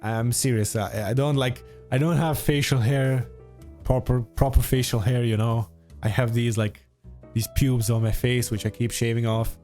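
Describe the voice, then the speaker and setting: A man in his twenties speaks with a Croatian accent at an ordinary male pitch. He chats informally like a livestreamer answering questions, opinionated and animated in his wording, with music playing behind him. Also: moderate pace. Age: 20s. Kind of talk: casual livestream chat answering viewer questions.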